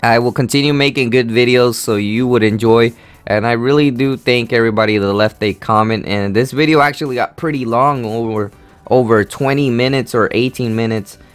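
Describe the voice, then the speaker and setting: A man's voice: medium pitch, a little fast, clean tone, no echo, faint music behind. An eighteen-year-old man from Honduras hosting a casual Q&A vlog, rambling with lots of fillers and an easygoing manner. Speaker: gaming channel host.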